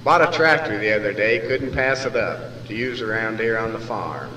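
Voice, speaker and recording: A man's voice: lowish voice, moderate pace, pushed and bright. A man with an American West accent and a folksy cowboy drawl, reciting rhymed cowboy poetry as a storyteller. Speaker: cowboy poet. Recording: echoey hall from far off, faint noise.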